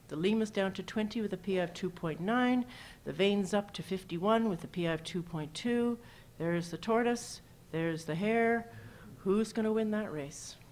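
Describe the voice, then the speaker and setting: A woman's voice: medium pitch, darkish tone, a little hiss or hum. A woman surgeon giving a conference talk, casual and anecdotal as she walks through slides full of numbers. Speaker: cardiac surgeon presenting at a symposium. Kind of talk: conference presentation.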